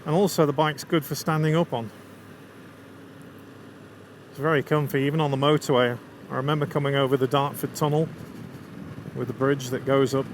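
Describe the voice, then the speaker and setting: Clear outdoor vehicle noise, man, Lancashire accent, mid-pitched, casual riding vlog, chatty, enthusiastic. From England. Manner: chatty, enthusiastic about scenery and bike. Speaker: motorcycle travel vlogger. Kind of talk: casual riding commentary to viewers. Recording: constant road, wind and vehicle noise.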